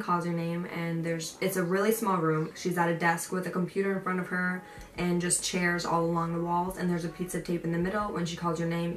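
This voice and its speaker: In an indoor room, a young woman with a lowish voice chats casually to camera as a vlogger, telling stories and offering encouraging advice. She is informal and emphatic and repeats phrases. The recording has a roomy echo, a distant mic and faint noise.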